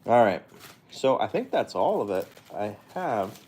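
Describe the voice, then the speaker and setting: Low-voiced man chatting casually. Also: sing-song, unhurried, a little mellow, a little hiss or hum. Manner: rambling, self-correcting, chuckles often. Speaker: pet vlogger. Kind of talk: casual livestream chat.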